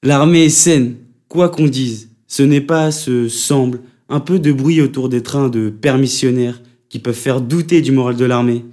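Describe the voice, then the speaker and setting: A man's voice: measured pace, hardly any pauses, darkish tone, natural voice. A man voicing a pompous, fussy, patriotic older teacher in an audiobook reading. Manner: fussy, preening, shrill when roused.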